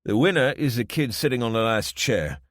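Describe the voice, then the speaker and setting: Here the performer speaks at medium pitch and normal speed, expressive yet natural, with his voice raised a little. The audio is clean and dry from a studio. He portrays a wry, understated middle-aged man from London, reluctantly in charge of the local police.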